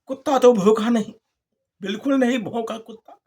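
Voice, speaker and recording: A man's voice: very high-pitched, fairly even intonation, darkish tone. A male preacher telling a moral folk fable in a sermon, repeating phrases and asking the listeners rhetorical questions. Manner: drawn-out, storytelling delivery.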